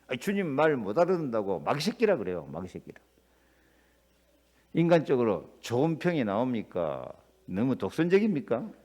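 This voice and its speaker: Animated preaching pastor, lively pitch. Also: male voice, fairly quick, hardly any pauses. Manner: preaching with rhetorical questions to the congregation; swings between loud declamation and quiet asides. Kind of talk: sermon.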